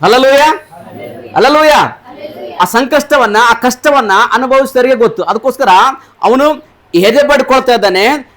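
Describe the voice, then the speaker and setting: High-voiced preacher quizzing his flock. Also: animated, moderate pace, long pauses, a bit bright. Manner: quizzes the congregation and repeats answers, call-and-response; punctuates points with hallelujah. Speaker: pastor. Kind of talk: sermon. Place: church service.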